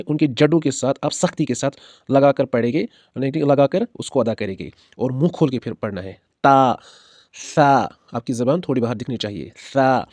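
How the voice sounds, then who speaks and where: A man teaching how to pronounce Arabic letters, patient, stretching each letter slowly and checking in with the learner often. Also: medium pitch, dark tone, no echo. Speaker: Quran teacher.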